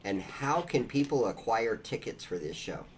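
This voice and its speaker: A man's voice: on the low side, big pitch swings, moderate pace, slight background noise. A man hosting a live call-in show, upbeat and laughing often. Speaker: host. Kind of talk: casual live call-in chat.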